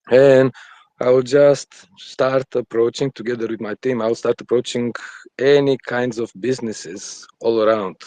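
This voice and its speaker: Mellow man with an Eastern European accent. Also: medium pitch, no echo. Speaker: guest caller. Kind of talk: casual live audio chat. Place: outdoors on a terrace at night. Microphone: phone.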